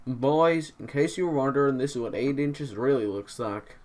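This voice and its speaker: A man's voice: medium pitch, moderate pace, a little mellow. A young man hosting a casual video, reading posts aloud and commenting in a self-deprecating way, stumbling and slurring because his mouth is numb from the dentist. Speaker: host of a Reddit reading video.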